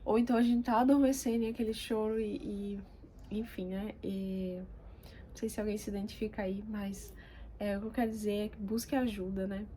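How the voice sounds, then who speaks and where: A woman, speaking gently and hesitantly, with many pauses, as a mother sharing her story. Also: mid-range voice, little pitch movement, slight background noise. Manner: soft-spoken, hesitant, many pauses and fillers. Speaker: mother vlogger. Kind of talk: casual personal talk to camera. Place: quiet home room.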